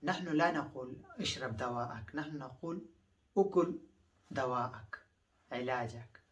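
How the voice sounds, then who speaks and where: A male language teacher with a mid-range voice, set back from the microphone. He repeats each phrase several times, then explains it slowly and stops often on thinking sounds. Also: mid-range voice, a bit bright, distant mic. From Afghanistan. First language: Pashto.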